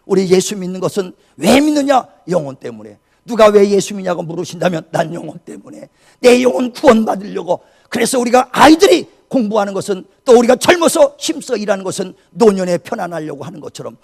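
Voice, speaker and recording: A pastor, a man in his sixties, preaching a sermon with emotional storytelling that swings between loud cries and hushed speech. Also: sits high, creaky.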